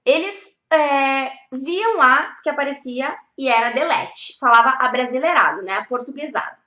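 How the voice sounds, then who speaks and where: This young Spanish teacher's voice is high, bright and forceful at a normal speed as she gives a casual, blunt and emphatic video lesson on language learning, swearing freely throughout. The audio is a bit dull and carries the echo of the room.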